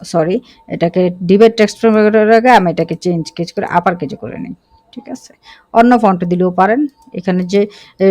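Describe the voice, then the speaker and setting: A woman teaching a graphic design course, talking casually through a screen-recorded software tutorial with fillers and self-corrections. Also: lowish voice, no echo.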